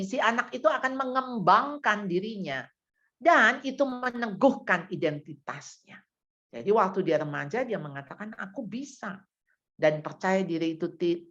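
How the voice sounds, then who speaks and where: A woman's voice: medium pitch, a bit bright. A woman giving a parenting seminar talk, speaking animatedly and addressing the audience directly with frequent tag questions. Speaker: parenting educator. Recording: dull lo-fi recording.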